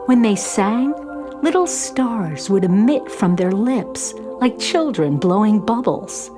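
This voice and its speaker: Over music, a woman with a mid-range voice narrates a scripted children's story. She tells it expressively and takes her time.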